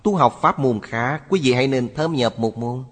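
A man's voice: mid-range voice, slightly rough. Man giving a sermon in a reverberant hall. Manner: measured, lecturing cadence. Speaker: Buddhist teacher.

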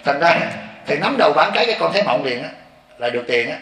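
A man, a Buddhist monk giving an animated dharma talk to a congregation and often asking them if they see. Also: fairly high pitch, quick pace, roomy sound. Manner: animated, repeats "thấy không?" to the audience.

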